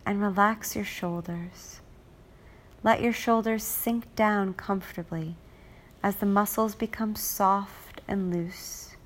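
A woman talks the listener through a guided relaxation, soothing and repetitive. She speaks at a mid pitch and takes her time over every phrase, as a hypnotist would. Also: steady tone, slow.

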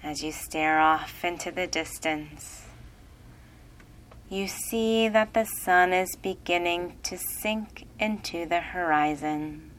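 A woman leading a guided relaxation, speaking in a soothing, hushed way. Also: fairly low pitch, slow, a little hiss or hum. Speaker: meditation guide.

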